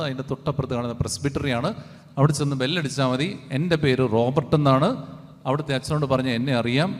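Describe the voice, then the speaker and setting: A male priest from Kerala preaching a retreat sermon, telling a personal story and rising to emphatic appeals. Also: fairly high pitch. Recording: hall reverb.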